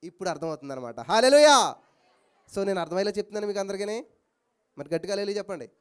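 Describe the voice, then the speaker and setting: A man preaching a sermon in a lively call-and-response way, quizzing his listeners and breaking into loud hallelujahs. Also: high voice, rapid-fire, clear, resonant tone.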